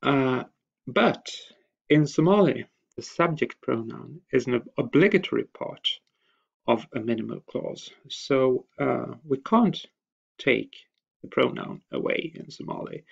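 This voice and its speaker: A man giving a recorded slide lecture, explaining step by step with hesitant pauses and frequent filler sounds. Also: medium pitch, animated, gravelly, breathy edge. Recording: dull lo-fi voice recording.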